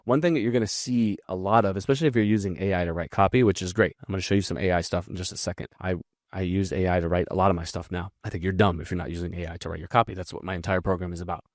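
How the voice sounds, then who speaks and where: A man's voice: low voice, steady tone, racing, no room sound, studio quality. A man teaching copywriting in a casual breakdown, talking bluntly and swearing freely. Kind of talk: casual screen-share breakdown.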